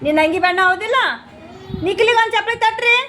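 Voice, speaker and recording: A woman's voice: very high-pitched, fairly quick. Preschool teacher, woman, North Karnataka accent, coaxing question-after-question delivery, noisy room. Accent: North Karnataka Kannada. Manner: coaxing, keeps asking children questions and calling them by name. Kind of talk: classroom questioning of small children. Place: village preschool classroom. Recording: noisy classroom recording.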